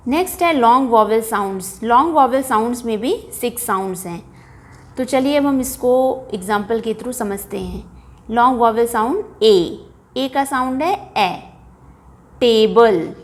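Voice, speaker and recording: Indian woman teacher, fairly high voice, unhurried and clear, models each word for young learners. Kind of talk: phonics lesson for children.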